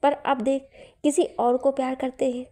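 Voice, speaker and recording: A woman's voice: high-pitched, little pitch movement, moderate pace, mellow, close to an everyday voice. A woman voicing a playful young man who teases his childhood friend, in a storybook reading. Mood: teasing. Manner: playful, teasing.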